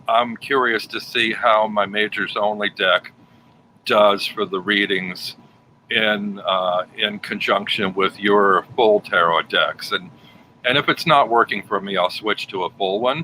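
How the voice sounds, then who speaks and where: A man's voice: on the low side, unhurried, pushed and bright, rough recording. A man hosting a livestream and chatting casually with his guest and viewers. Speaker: livestream host. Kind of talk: casual chat. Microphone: home livestream setup. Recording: faint background noise.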